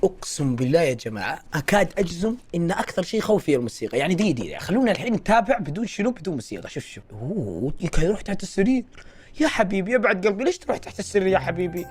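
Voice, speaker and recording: Excitable man, high lively voice. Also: racing, husky. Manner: excitable, joking, shouty exclamations. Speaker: reaction video host. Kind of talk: reacting to horror clips.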